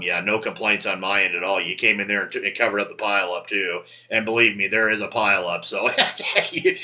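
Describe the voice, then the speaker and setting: A man's voice: lowish voice, pushed and bright. A man operating a ham radio station from Montana, chatting casually with callers and signing off with call signs. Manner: friendly, drawn-out sign-offs with repeated "Roger, Roger".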